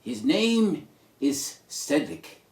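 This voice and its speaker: Speaking extremely slowly in a very animated, fairly high voice, a man presents and sings on a children's storytime show. He's playful and encouraging, with a singsong way of talking.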